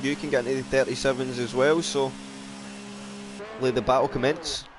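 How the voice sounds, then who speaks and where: A man with a South African accent commentating an online racing league, calling out lap times in a brisk, chatty way. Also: mid-range voice, steady tone, noisy background. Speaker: race commentator.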